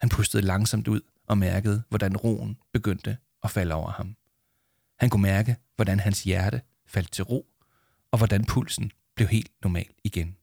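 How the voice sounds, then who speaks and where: Low-voiced male audiobook narrator. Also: steady tone, creaky, darkish tone, no room sound, studio quality. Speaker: audiobook reader. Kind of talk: scripted narration.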